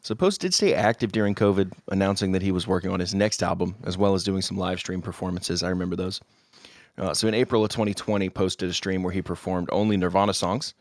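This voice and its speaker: Man, podcast co-host, steady recounting, very low voice, dry close sound. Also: fast, no room sound. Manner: steady recounting, with short agreeing interjections. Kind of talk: casual podcast chat, reading research notes.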